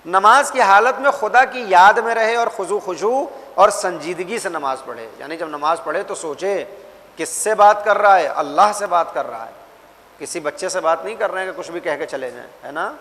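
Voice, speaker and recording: Male religious teacher, high voice, storytelling class, reverberant hall. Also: a bit bright. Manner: storytelling, acts out voices in anecdotes. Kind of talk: religious class for young people.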